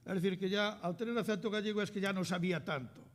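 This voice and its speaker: An older Galician man with a Galician Spanish accent gives a lecture in a large hall, his fairly high voice trailing off into a long reverb. He reads cartoon captions aloud and acts out the quoted lines as he translates them. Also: fairly even intonation, quick pace. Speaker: historian lecturer.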